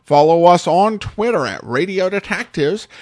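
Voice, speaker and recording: American male podcast host, animated melody, stop-and-start commentary, dry recording. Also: high-pitched, moderate pace, no echo. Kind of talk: conversational radio-show commentary.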